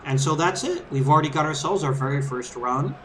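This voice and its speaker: A man's voice: a little high, brisk, a bit bright. Easygoing man commentating over noisy game ambience. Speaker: let's play host. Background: video game crowd ambience and background music.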